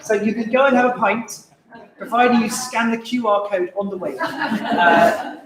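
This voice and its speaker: Brisk wry conductor, man, high voice, echoey hall recording, faint music. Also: distant mic, a crowd in the background. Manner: brisk, wry and encouraging, sings phrases to demonstrate. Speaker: choir conductor. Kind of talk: choir rehearsal instruction. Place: large echoey rehearsal hall. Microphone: distant room microphone.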